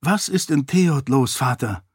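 A man reading an audiobook, voicing a determined young noblewoman who talks in a brisk, insistent way. The recording is dry. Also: medium pitch, lively intonation, slightly rough, no echo, voice pushed up. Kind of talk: audiobook character voice.

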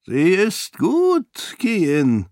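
A man voicing an older duke in an audiobook, gruff and measured in his speech. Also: sits high, wildly swooping pitch, a little mellow, dry recording, studio quality, voice pushed up, full character voice. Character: older duke, gruff self-styled old bear. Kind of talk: audiobook character voice.

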